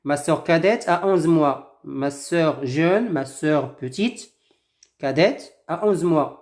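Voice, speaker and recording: A woman teaching a language lesson, reading a short text aloud and explaining each new word slowly, rephrasing it with several synonyms. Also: low-pitched, darkish tone. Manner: slow and deliberate, repeats and rephrases words with several synonyms. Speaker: French teacher.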